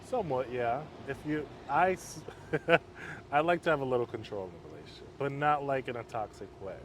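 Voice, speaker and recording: Street traffic fills the background as a male interview guest who counsels at a halfway home chats casually. He keeps a mid-range voice that is steady and measured, a self-described monotone.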